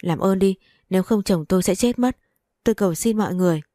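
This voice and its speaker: A woman voicing a frantic young wife in a read-aloud story, pleading in quick, breathless bursts. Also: medium pitch, warm tone, no echo, studio quality, lightly acted. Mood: desperate pleading.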